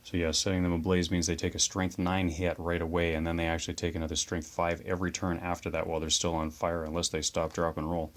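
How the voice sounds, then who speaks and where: Here a man with a deep voice and a completely flat delivery hosts a tabletop wargame show. He still chats casually and enthusiastically about models, dice and rules, making quick asides as he goes.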